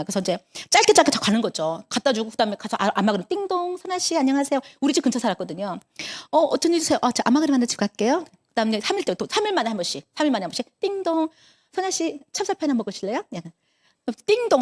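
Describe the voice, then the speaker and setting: Fast, lively Korean woman telling stories. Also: on the high side. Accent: Korean, Busan area. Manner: animated storyteller acting out dialogue. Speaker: network marketing business leader. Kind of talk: motivational talk to an audience.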